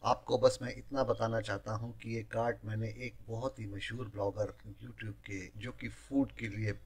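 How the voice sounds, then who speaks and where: A man's voice: on the low side, level tone, moderate pace, creaky, slight background noise, rough recording. A man narrating a promotional voice-over for his street food cart business, addressing viewers as friends and urging them to get in touch. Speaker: host and food cart maker.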